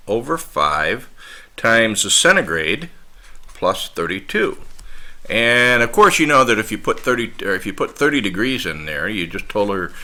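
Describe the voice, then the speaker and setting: A man's voice: on the low side, sharp tone. A man from the United States teaching a casual math lesson, chatting along and acting out both sides of a phone conversation.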